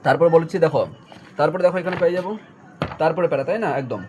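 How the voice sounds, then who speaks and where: A man's voice: on the high side, quick pace, a little mellow, muffled recording, slight background noise. A young adult male teacher giving an exam-focused online lesson, explaining a text line by line and checking often that students follow.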